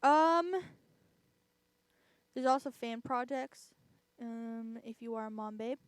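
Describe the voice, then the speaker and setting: A woman's voice: fairly high pitch, takes it slowly, clean tone, no echo. A woman vlogger chatting casually, rambling and filling her talk with "I mean" and self-mocking laughs. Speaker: vlogger and host. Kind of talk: casual chat.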